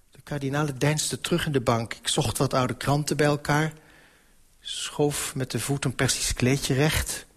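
A man narrating a novel in the first person, with wry, measured storytelling. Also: mid-range voice, slightly rough. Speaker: audiobook narrator.

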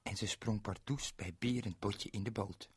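A man's voice: on the low side, steady tone, normal speed, husky, dry recording, clean studio sound. A man narrating a children's story in a playful way, talking directly to the young listener.

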